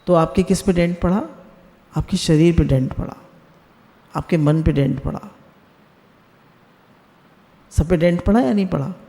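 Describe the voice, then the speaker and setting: A man gives a spiritual discourse over a video call and keeps putting questions to his listeners. His voice is gravelly and mellow, sits a little high, and trails into a long reverb. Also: unhurried, long pauses. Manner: asks the listeners questions, mixes English words into Hindi. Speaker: satsang speaker.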